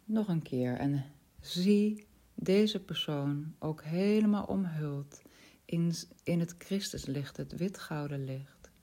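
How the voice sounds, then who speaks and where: A woman leading a spiritual guided meditation in a soft, slow voice that often drops to a whisper. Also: deep voice.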